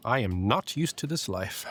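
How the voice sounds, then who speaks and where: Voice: mid-range voice, fairly bright tone, breathy edge. A tabletop game player bantering casually with the group at the table.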